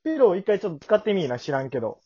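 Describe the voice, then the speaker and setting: A man's voice: sits high, sing-song, very fast, dull audio, a crowd in the background. A man with a Kansai accent co-hosting a casual podcast chat and joking around. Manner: joking, teasing. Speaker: podcast co-host.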